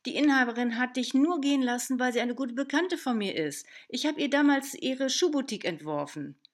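A stern, outspoken middle-aged aunt, voiced by a woman reading an audiobook. She speaks firmly and bluntly, pitched a touch higher and louder than the narration, like a lecture. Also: lively intonation, brisk. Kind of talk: audiobook character voice.

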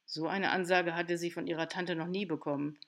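A woman with a voice on the low side narrates an audiobook from a script, reading in an even, measured way.

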